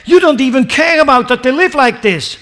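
A man preaching a sermon as pastor, emphatic and rising to near-shouts, firing rhetorical questions at the congregation. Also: extremely high pitch, expressive, brisk.

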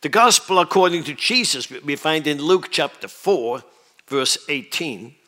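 Unhurried yet animated, a Swiss preacher speaks in a slightly high voice that is bright and forceful. He underlines his points and often asks the listeners if they understand.

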